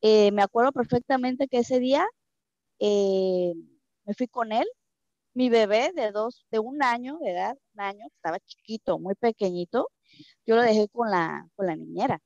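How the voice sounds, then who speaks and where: In a dull, dry, low-fidelity recording without room sound, a woman from Mexico recounts a personal story for an interview in her Mexican Spanish accent. Her voice is slightly mellow and her speed normal. Emotion runs through her telling, and she often repeats phrases to stress them.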